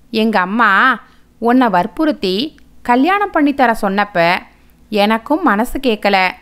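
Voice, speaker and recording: A woman voicing a kind young sister-in-law who gently reassures a frightened bride. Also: fairly high pitch, clean tone.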